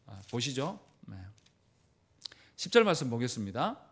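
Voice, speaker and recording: A man pastor preaching a sermon in a church, acting out quoted lines with sudden loud bursts. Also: medium pitch, sing-song, unhurried, creaky. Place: church sanctuary.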